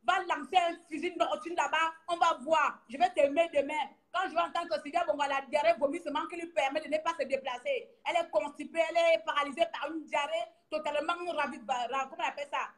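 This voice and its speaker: A middle-aged woman from Gabon with a Gabonese French accent, teasing her viewers in a lively casual vlog, laughing often and trailing off as she searches for words. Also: high voice, fast talker, few pauses. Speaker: vlogger. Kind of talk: casual mocking commentary to viewers.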